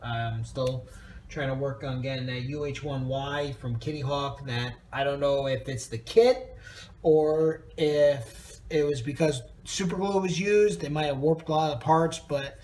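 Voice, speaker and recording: A man's voice: medium pitch, darkish tone, a little hiss or hum. A tired man giving a rambling, casual review of a plastic model kit, with lots of ums and uhs.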